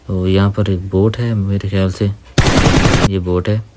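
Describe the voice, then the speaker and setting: A gaming YouTuber with a low, level voice gives casual gameplay voice-over at a measured pace, calling his viewers brothers, his throat dry from talking. The recording is very noisy, with faint gunfire beneath his voice.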